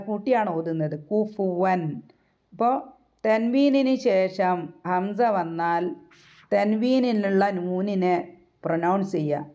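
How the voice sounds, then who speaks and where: A woman leads a recitation lesson in a mellow, warm tone. She repeats each word slowly and keeps putting questions to her learners. The recording sounds dull and lo-fi. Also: medium pitch. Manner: patient, repeats words slowly and asks questions to guide learners. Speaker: Quran recitation teacher. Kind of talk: tajweed lesson.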